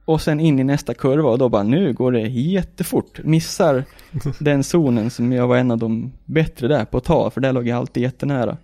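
A man's voice: mid-range voice, hardly any pauses, dry recording, clean studio sound. A man in casual chat, telling his racing story animatedly, acting out his own reactions and swearing freely. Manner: animated, acts out his own past reactions with shouts and laughter; swears freely, says "liksom" and "jag bara" often. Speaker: racing driver guest.

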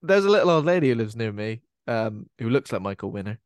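A man's voice: mid-range voice, sing-song, quick pace, dry recording, clean studio sound. A man, co-hosting a podcast in casual, giggly chat. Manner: giggly, playful, trailing off. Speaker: podcast co-host.

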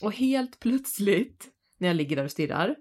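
A Swedish woman in her thirties, co-hosting a podcast and telling a spooky personal story in an animated, chatty way. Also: mid-range voice, slightly rough. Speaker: podcast co-host. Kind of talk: casual storytelling chat.

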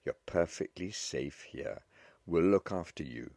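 A man voicing a kindly older military officer who speaks briskly and reassuringly. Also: sits low, expressive, no room sound, clean studio sound. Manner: brisk at first, then gentle and reassuring.

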